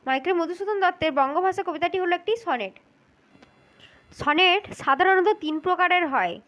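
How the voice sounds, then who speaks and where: Woman, very high voice, spoken lesson, methodical, repeats key points, addresses listener. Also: animated, normal speed, a bit bright, dull audio. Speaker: teacher for exam interview prep. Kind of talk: spoken lesson explaining exam answers.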